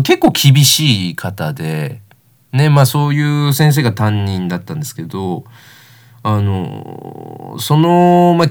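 A young man of about nineteen talks alone as host of a comedic talk show. He rambles through anecdotes and mocks himself, and his pitch swings widely up and down as he goes. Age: young adult, about 19. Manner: rambling, self-deprecating comic storytelling.

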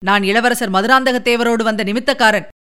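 A woman's voice: on the high side, a little fast, sharp tone, smooth. A woman voicing a bold young male warrior in an audiobook story, close to her own reading voice.

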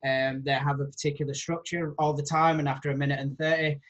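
A man's voice: a little high, little pitch movement, fast talker, a bit bright, dull audio. A man hosting a podcast, putting thoughtful questions to his guest in a casual, enthusiastic way. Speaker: podcast host.

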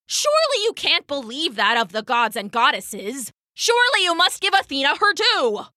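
Lady doing a jealous goddess posing as an old woman, bossy and haughty, high voice. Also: huge pitch swings, moderate pace, bright, forceful tone, no echo, studio quality, full character voice. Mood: sweet then scolding. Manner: haughty, indignant, commanding.

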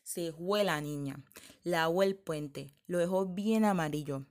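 A woman's voice: on the low side, measured pace. Young woman telling a folktale. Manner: lively, expressive storytelling. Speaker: storyteller. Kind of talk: folktale narration.

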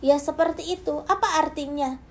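This woman preacher, her voice high and her pace moderate, weaves a personal testimony into her sermon. Addressing the congregation directly, she shifts between quiet, tender moments and loud, emphatic ones.

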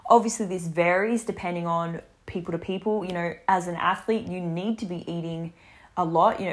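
A woman in her twenties talking casually to camera about health, chatty and full of fillers. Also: fairly low pitch. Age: 20s. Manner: chatty, many fillers and restarts. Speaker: vlogger.

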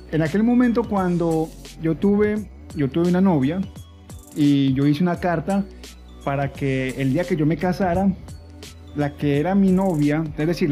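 High-voiced man telling a funny story. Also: dark tone. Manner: humorous storytelling with playful voices. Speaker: podcast co-host.

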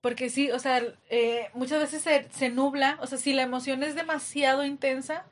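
A woman's voice: high voice, steady tone, moderate pace. A woman with a Mexican accent in a casual podcast chat, thinking aloud with a lot of hesitation. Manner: hesitant, many fillers and restarts.

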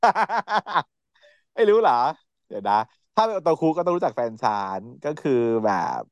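A man's voice: on the high side, dry recording. A man co-hosting a casual podcast chat, recapping a series with frequent laughs and acted-out quotes. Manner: animated, laughing often, acts out characters' lines. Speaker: podcast co-host.

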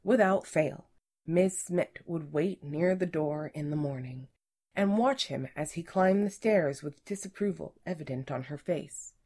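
A woman narrating a story in an even, measured storytelling manner. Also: deep voice.

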